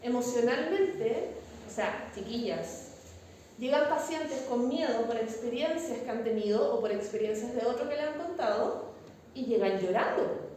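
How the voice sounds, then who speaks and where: A woman with a Chilean accent gives a relaxed classroom lecture and keeps asking her students whether they follow. Her voice sits high, and it reaches the distant mic through heavy room echo with a faint hiss underneath. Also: normal speed. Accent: Chilean Spanish. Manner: conversational, checks understanding with frequent tag questions. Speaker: instructor teaching a class. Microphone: far from the mic. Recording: very echoey classroom, far-off mic, some noise.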